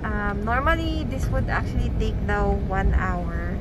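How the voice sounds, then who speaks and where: A woman's voice: medium pitch, lively intonation, a little slow. A young Filipino woman vlogging in a chatty, giggly way to her viewers, her voice muffled because she talks through a face mask. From Philippines. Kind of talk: casual vlog narration. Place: outdoors in city streets and a car. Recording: loud traffic and street noise.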